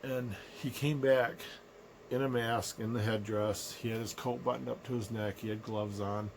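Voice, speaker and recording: A middle-aged man talking casually to camera in a low, unhurried, subdued voice, sick with a sore throat. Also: steady tone, slight background noise. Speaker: vlogger. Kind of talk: casual personal rant to camera. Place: small living room indoors.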